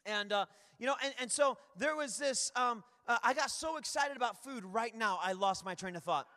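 A man preaching a lively church sermon, rambling and energetic, calling out to the congregation. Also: extremely high pitch, normal speed. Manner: energetic, rambling, calls out to the crowd. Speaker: guest preacher. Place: church hall. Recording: long hall reverb.

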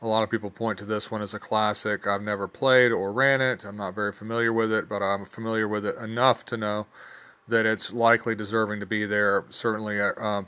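A man hosting a casual solo podcast, sounding weary and worn down, talking in an informal, halting, rambling way. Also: fairly low pitch, level tone, bright, forceful tone, smooth. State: weary, worn down from a sore back. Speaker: podcast host.

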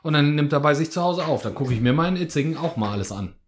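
A man's voice: a little high, expressive, fast, noisy background. A man hosting a podcast in a casual chat, joking, teasing and rambling. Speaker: podcast host.

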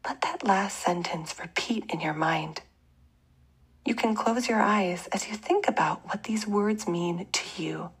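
A woman leading a guided bedtime prayer in a soft, hushed, breathy voice, with a gentle and measured delivery. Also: medium pitch, poor audio.

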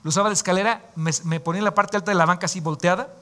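A man's voice: high voice, steady tone, racing, a bit bright. A man in his forties, a pastor, telling his own story in a sermon in an emotional, confiding way. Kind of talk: sermon testimony.

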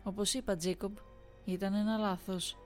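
A woman's voice: mid-range voice, steady tone, a little mellow, faint music behind, natural voice. Woman voicing a guarded secretive coworker. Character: evasive male librarian coworker, tense and secretive.

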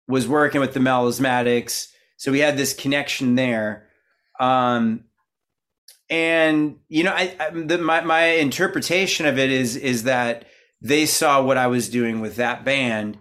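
A middle-aged man from Minnesota, USA, a musician appearing as an interview guest, talks casually in a mid-range, slightly bright voice. He rambles, with lots of fillers and restarts.

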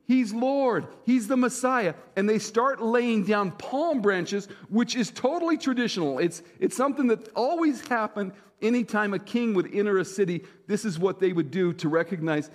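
A man serving as senior pastor, preaching a sermon in a relaxed storytelling way and repeating phrases for emphasis. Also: high voice, moderate pace, hardly any pauses, long reverb tail.

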